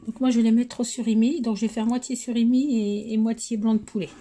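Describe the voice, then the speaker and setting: Hoarse woman chatting through recipes. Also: fairly high pitch, flat delivery, fast talker, mellow. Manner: chatty, hesitant with many fillers. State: hoarse, sore throat. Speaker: home cooking vlogger. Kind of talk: casual cooking and decor walkthrough.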